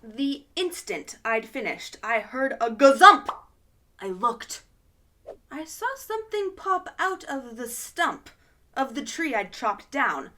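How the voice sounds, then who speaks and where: A woman reads a children's picture book aloud, expressive and animated, gasping with wonder at times. Her fairly high voice rises and falls widely. She takes each line slowly. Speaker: children's storytime host.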